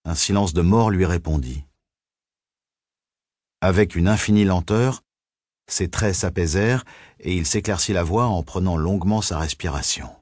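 Low-voiced male thriller audiobook narrator. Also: a little mellow, no echo, clean studio sound. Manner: measured, suspenseful reading.

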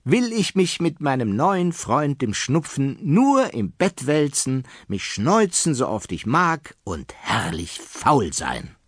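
A man's voice: mid-range voice, very animated, slow pace, no echo, studio quality, heavily acted. A man voicing a jolly, lazy, round little king in a children's storybook. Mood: cheerful musing.

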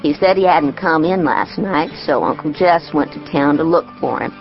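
A folksy, plainspoken country girl, acted by a woman tells her tale in a low-pitched voice. It is artless audiobook narration, slightly dull in sound, with guitar music behind. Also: normal speed. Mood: matter-of-fact. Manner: folksy, artless, rustic grammar. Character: plainspoken ten-year-old country girl recounting her adventures. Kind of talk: first-person audiobook character narration.

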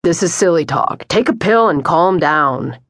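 A woman voicing a dismissive, irritable middle-aged husband, gruff and curt, in an audiobook. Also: lowish voice, expressive, a little slow, no room sound, studio quality. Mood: contemptuous.

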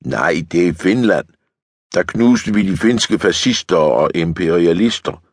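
A man's voice: low-pitched, lively intonation, breathy edge, no room sound, studio quality. Man as a bitter, swearing tank lieutenant. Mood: blunt. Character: bitter, defeatist male tank lieutenant, coarse.

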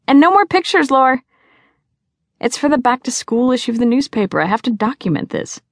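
Woman voicing a high, dramatic teen girl. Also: a little fast, dry recording. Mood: whiny. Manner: theatrical, excitable, teasing. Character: bubbly dramatic teenage girl, the friend Abby. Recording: dry studio.

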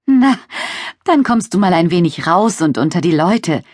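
A woman's voice: mid-range voice, sing-song, no echo, studio quality. A woman voicing a kind, cheerful witch mother who speaks encouragingly in a children's storybook. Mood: warm. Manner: encouraging, brisk.

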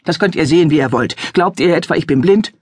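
A woman voicing a furious, grieving middle-aged village father who shouts, agitated and breathless with rage. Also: low-pitched, quick pace, husky, dry recording, studio quality.

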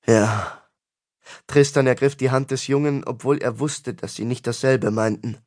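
A man narrating a fantasy audiobook in a measured, dramatic storytelling manner. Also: medium pitch, steady tone, darkish tone.

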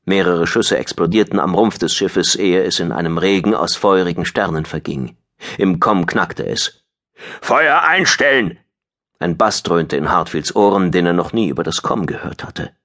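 Male narrator with a very low voice and steady, measured delivery. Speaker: audiobook narrator. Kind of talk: scripted narration.

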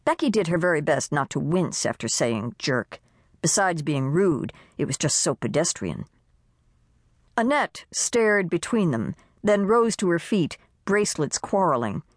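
A woman narrating a contemporary novel in a wry, expressive way, recorded close in a studio. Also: low voice, unhurried, no echo. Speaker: audiobook narrator. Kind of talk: scripted narration.

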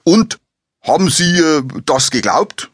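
A man playing a blunt, gruff male police chief who gets straight to the point, in an audiobook. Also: fairly high pitch, very animated, slow pace, no echo, studio quality, voice pushed up, heavily acted.

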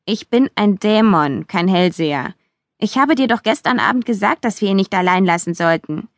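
A woman's voice: mid-range voice, expressive, moderate pace, no room sound, natural voice. A woman voicing a cheeky male demon who lives in a big dog's body, speaking in a dry, unbothered way. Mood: unimpressed.

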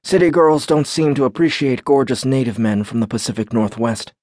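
A man's voice: medium pitch, brisk, a little mellow, dry recording, clean studio sound, pitched above the performer's own voice, close to an everyday voice. A man doing a teasing courthouse guard. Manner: teasing, playful banter. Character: joking male courthouse security guard.

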